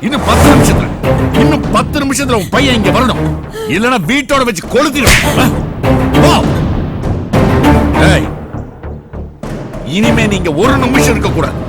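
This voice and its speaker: An actor playing a stern wealthy father who scolds and threatens loudly in a film drama, with loud music behind him. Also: very high voice, animated, moderate pace, pauses often. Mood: angry.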